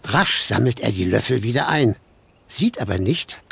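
A man with a gravelly, husky, mid-range voice reads a children's story from a script. He brings it to life expressively and energetically, adding dramatic pauses.

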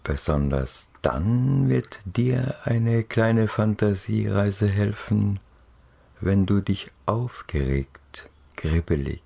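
A man narrating a guided relaxation journey for children in a soft, dreamy, soothing way, with gentle pauses and a breathy, husky voice. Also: fairly low pitch, lively intonation.

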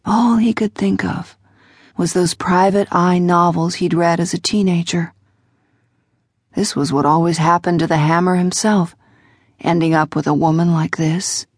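A woman narrating an audiobook in measured, even storytelling. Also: lowish voice, breathy edge, no room sound, clean studio sound. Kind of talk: scripted narration.

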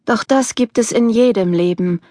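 Dry, measured woman narrator. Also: a little high, dark tone, no echo. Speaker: audiobook narrator. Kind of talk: scripted narration.

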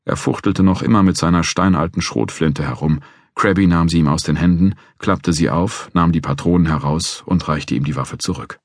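A man narrates a novel in a deep, husky voice with animated intonation. His reading is measured and first-person, recorded close and dry in a studio. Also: no room sound. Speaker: audiobook narrator. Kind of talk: scripted narration.

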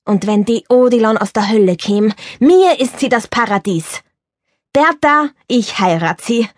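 A woman voicing an excitable, lovesick man, a stage actor, who talks in a gushing, emphatic with a husky tone. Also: fairly high pitch, unhurried, no echo, clean studio sound.

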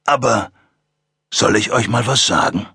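A man voicing a calm, amused male serial killer who talks down to two cops in a mocking, drawn-out way. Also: medium pitch, vocal fry, slightly rough, no echo, studio quality, pitched above the performer's own voice, exaggerated voice. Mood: taunting. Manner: mocking, taunting, drawn-out delivery.

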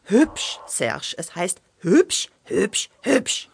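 A woman's voice: a little high, very animated, no room sound, heavily acted. A woman playing a patient, know-it-all storybook hen. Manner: gently correcting, soothing, unhurried.

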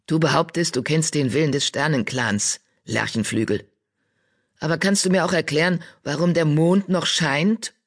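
A woman's voice: low-pitched, normal speed. A woman doing a scornful tomcat leader. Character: proud male cat clan leader, scornful.

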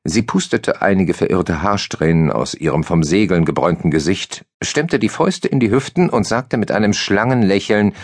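Deep husky male audiobook narrator. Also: normal speed, few pauses, dry recording, studio quality. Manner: lively, storytelling. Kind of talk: scripted narration of a comic novel. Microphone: close studio mic.

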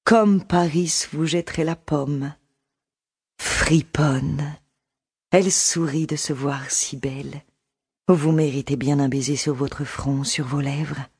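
A woman's voice: low voice, fairly even intonation, slow, darkish tone, husky, full character voice. A woman voicing an ardent, domineering aristocratic countess in an audiobook drama, with a coaxing, intimate, possessive manner. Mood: admiring. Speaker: audiobook voice actor.

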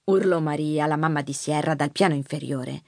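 A woman narrating an audiobook in an expressive, measured storytelling manner. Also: low-pitched, dry recording. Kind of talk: scripted narration. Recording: dry close studio mic.

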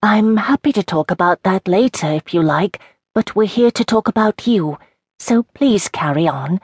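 A reader voicing a gentle, patient interviewer. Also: mid-range voice, lively intonation, moderate pace, slightly rough, dry recording. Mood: encouraging. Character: polite, patient social-work interviewer. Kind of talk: audiobook character voice.

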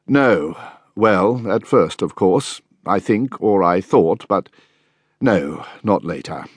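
A male audiobook narrator playing a gentle, remorseful middle-aged father who speaks softly and apologetically. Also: deep voice, animated, takes it slowly, husky, dry recording, voice pushed down, heavily acted. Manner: soft, apologetic.

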